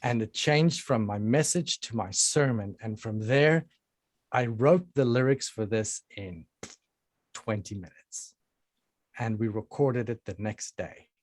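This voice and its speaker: A man's voice: medium pitch, a little slow, dry recording. A man talking through a laptop mic, blunt and defiant, with lots of ums and restarts. His voice sits mid-range and sounds dry and close, with no room around it. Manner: blunt and defiant, with many fillers. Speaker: musician guest. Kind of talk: casual interview answers. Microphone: laptop microphone on a call.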